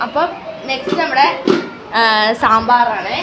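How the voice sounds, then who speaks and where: A woman's voice: on the high side, a little slow. A woman vlogging casually to her viewers, chatty and exclamatory, filming on a phone. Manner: chatty, addresses viewers as guys, exclaims often. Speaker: travel vlogger. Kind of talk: casual vlog chat. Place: rooftop terrace in hot sun, then indoors. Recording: phone video with loud background noise.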